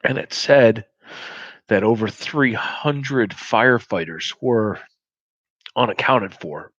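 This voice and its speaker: A man in his forties with a very low voice tells a personal story candidly, blunt and profane yet reflective. The sound is dry and a little dull. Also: animated, slow, fairly bright tone, no echo. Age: 40s.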